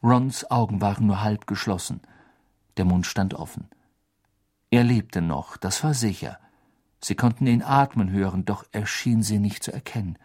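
A man narrating an audiobook in a dramatic, expressive storytelling manner. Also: fairly low pitch, normal speed.

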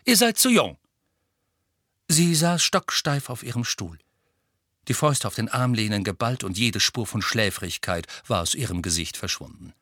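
A man narrating an audiobook in a measured storytelling manner. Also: on the low side, lively intonation, a bit bright, no echo, clean studio sound. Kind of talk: scripted narration.

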